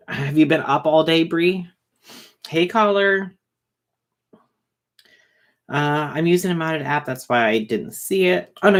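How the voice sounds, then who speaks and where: A man hosting a casual livestream who talks fast and rambles, with many fillers and restarts. He is short on sleep. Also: fairly high pitch. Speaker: livestream host reading chat.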